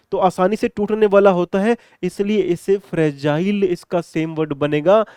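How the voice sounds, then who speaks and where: A man teaching an exam-prep vocabulary lesson in a chatty, repetitive way, warmly addressing his students and mixing in English phrases. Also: high voice, clear, resonant tone, dry recording, studio quality.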